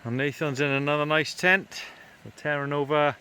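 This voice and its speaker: A man's voice: on the high side, fairly even intonation, normal speed, pushed and bright. A man with a British accent chats informally and off the cuff as he films a camping vlog outdoors. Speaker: camping vlogger. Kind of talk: casual outdoor vlog chat. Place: outdoors in farmland and woods. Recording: clearly noisy outdoor field recording.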